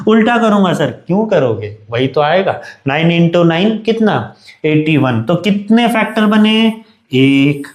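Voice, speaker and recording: A male coaching teacher talks through math problems in a slightly high voice, counting aloud step by step. He teases his pupils and asks their questions for them before answering. The sound rings in an echoey room. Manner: playful teasing of pupils. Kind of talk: coaching class lesson.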